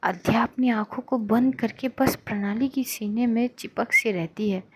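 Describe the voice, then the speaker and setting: A woman's voice: medium pitch, slightly rough. A woman narrating a romance story in a casual spoken way, often sinking to a near-whisper. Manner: casual, recaps with filler words, drops to a near-whisper at tender moments.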